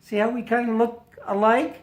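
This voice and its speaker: An older family member reads a storybook to a baby with affection and playfulness, adding chatty asides and emphatic delivery. The mid-range voice moves at normal speed with a flat delivery, and the home recording is roomy and echoey.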